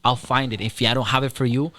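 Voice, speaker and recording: A man's voice: mid-range voice, flat delivery, fast, a crowd in the background. A man from Colombia with a Colombian Spanish accent, a radio guest talking loosely about loans with many "you know"s. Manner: easygoing, repeats "you know". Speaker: guest, loan officer. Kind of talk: casual radio interview.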